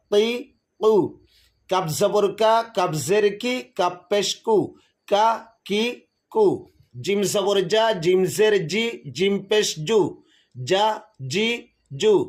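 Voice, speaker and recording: A man teaching Quran reading, slowly reciting drills of letters and their vowel sounds. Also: high voice. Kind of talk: slow recited lesson.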